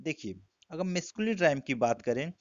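A man with an Indian accent teaching an exam-prep lesson, explaining step by step and reading quoted lines slowly. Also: on the high side, big pitch swings, no room sound, dull audio.

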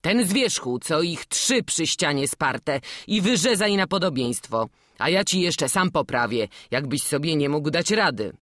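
A woman's voice: low-pitched, lively intonation, a little slow, fairly bright tone, no room sound, clean studio sound, exaggerated voice. A woman reading an audiobook, voicing a stern, fatherly old master woodcarver with commanding, archaic speech. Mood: kindly. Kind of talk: audiobook character voice.

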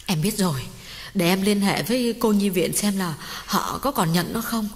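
A woman's voice: mid-range voice, normal speed, close to an everyday voice. A woman voicing a frightened, grieving young mother in an audiobook ghost story, pleading and wailing. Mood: worried. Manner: wailing, pleading, breaking into sobs. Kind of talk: audiobook character reading. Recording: long hall reverb, music underneath.

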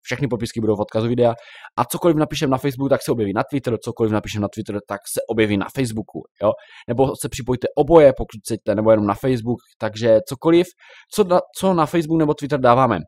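A young man giving casual, chatty commentary while showing a game, now and then reacting loudly to in-game creatures. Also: mid-range voice, dry recording, clean studio sound. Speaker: Minecraft YouTuber.

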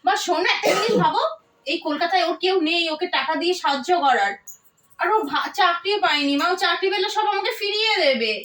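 A woman's voice: extremely high pitch, animated, quick pace, a bit bright. A young woman playing a college girl who pleads and argues with her mother, with a Kolkata Bengali accent. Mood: pleading. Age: young adult. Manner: pleading, defensive, whispering on the phone. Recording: echoey room, voice from far off.

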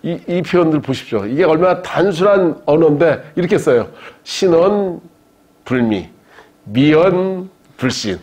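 A male philosophy professor giving a lecture to a live audience, telling lively anecdotes and laughing along with his own jokes. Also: on the high side, a little slow, husky. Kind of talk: university-style public lecture.

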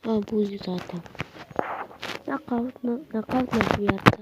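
Excitable woman cheering on her game. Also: on the high side, measured pace. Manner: excitable, urges teammates on with slangy shouts. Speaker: gaming channel host. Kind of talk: live gameplay commentary. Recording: clear background noise and game clicks.

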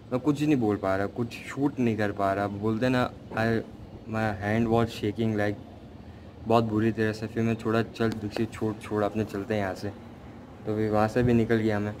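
A young man from India vlogging outdoors, rambling and self-critical, mixing English into his talk, with loud wind on the phone mic. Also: fairly low pitch, rough recording. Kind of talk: casual vlog chat. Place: outdoors by a road, wind blowing. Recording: loud wind and street noise.

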